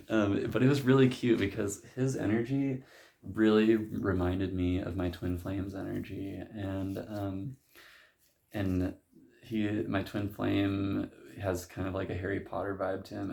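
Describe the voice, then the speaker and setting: A young man talks through a loose, rambling spiritual monologue for his vlog, leaning on filler words as he goes. His voice sits low with a gravelly fry and stays flat in tone. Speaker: vlogger.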